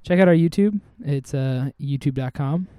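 Man, podcast co-host, mellow dark tone, dry close sound, joking, casual chat. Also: on the high side, normal speed, clear, resonant tone, no echo. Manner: joking, laughs often. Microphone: desk microphone.

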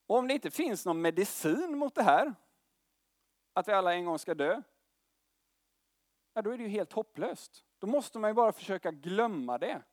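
High-voiced man preaching casually. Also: sing-song, long pauses, no echo, clean studio sound. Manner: conversational preaching with slang and tag questions. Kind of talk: sermon.

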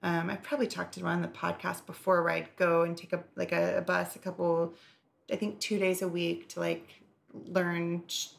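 A podcast co-host with a low, creaky voice talks candidly and loosely at a normal speed, keeping a level tone. She rambles, fills her speech with "like," and swears casually.

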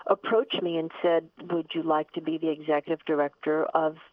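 A woman's voice: low voice, level tone, brisk, no room sound. An older woman born in Cuba and raised in Miami, chatting as a podcast guest with many fillers and restarts. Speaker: guest, ballet company artistic director. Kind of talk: podcast interview. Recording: phone-like line, dry.

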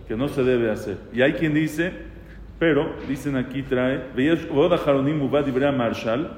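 A rabbi teaching a casual lesson on prayer law, talking conversationally, asking questions and quoting prayers aloud. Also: male voice, medium pitch, normal speed, noisy background. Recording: echoey hall with faint ambience.

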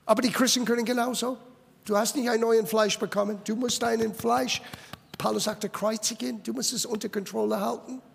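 High gravelly-voiced preacher man. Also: steady tone, fairly quick, in a large hall, a little hiss or hum. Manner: emphatic, mixes English words into German. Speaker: pastor. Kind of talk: sermon. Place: church sanctuary.

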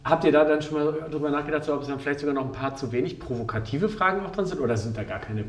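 A man's voice: on the high side, very fast, slight background noise. Rambling man host, echoey and distant. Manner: long winding questions with restarts. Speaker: podcast host. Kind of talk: casual podcast interview.

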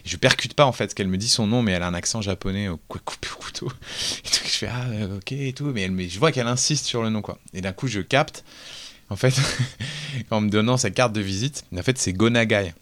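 Deep-voiced film director, chatty, animated storyteller. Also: male voice, a little fast. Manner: animated storyteller, acts out quotes loudly. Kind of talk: casual interview anecdote.

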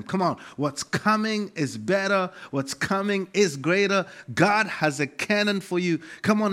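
A middle-aged pastor with a Malawian accent delivers a sermon in a fairly high, slightly bright voice. He is emphatic and deliberately repeats key phrases.

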